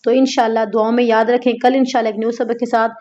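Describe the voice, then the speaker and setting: A woman teaching an online recitation lesson, drawing out each word slowly and repeating it for her students. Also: on the high side, little pitch movement, darkish tone, muffled recording.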